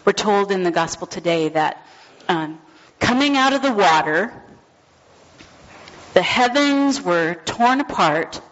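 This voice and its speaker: A woman pastor giving a gentle, deliberate sermon, speaking to the congregation by name. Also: on the low side, muffled recording.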